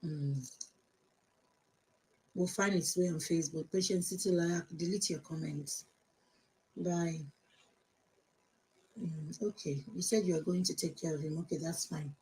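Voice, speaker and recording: A woman's voice: on the low side, steady tone, unhurried, long pauses, a little mellow, rough recording. A woman in her fifties from Nigeria with a Nigerian accent, chatting outspokenly on a live stream and answering viewer comments, switching between English and Yoruba. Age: 50s.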